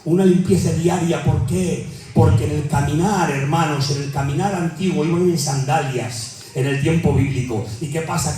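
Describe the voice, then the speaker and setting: A man from Spain with a Peninsular Spanish accent preaching a sermon, fervent and repetitive, often climbing to near-shouting and calling out to the congregation. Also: a little high. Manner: fervent, rises to near-shouting, repeats "hermanos". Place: church hall. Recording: very echoey hall, mic far off, faint music.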